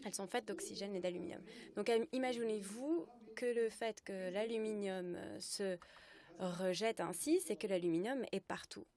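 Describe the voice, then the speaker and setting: A woman's voice: medium pitch, mellow. Woman doing live interpreting of a talk, stops and starts, fixes herself mid sentence. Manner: halting phrasing with mid-sentence self-corrections. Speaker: simultaneous interpreter.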